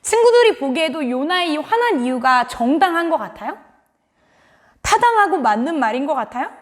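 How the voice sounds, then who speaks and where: High, lively woman preaching to children. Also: a little fast, long reverb tail. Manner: animated storytelling, asks children questions. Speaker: children's Sunday school preacher. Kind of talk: children's sermon. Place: church.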